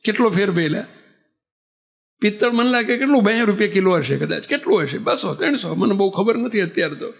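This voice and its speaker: A man's voice: high voice, fairly quick, gravelly. A man, a monk preaching a sermon, telling stories and asking the audience rhetorical questions. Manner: lively storytelling with rhetorical questions.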